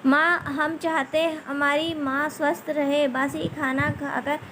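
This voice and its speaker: Brief: woman reading as an outspoken young adult daughter, earnest, chiding, high and unhurried. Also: flat delivery, fairly bright tone, slight background noise, full character voice.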